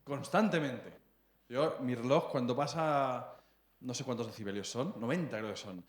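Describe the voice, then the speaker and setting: Echoey Spanish-accented male preacher. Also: mid-range voice. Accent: Spain. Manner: conversational, often checks in with the congregation; stumbles and repeats words while searching for phrasing. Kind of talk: sermon. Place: church hall. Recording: echoey church hall.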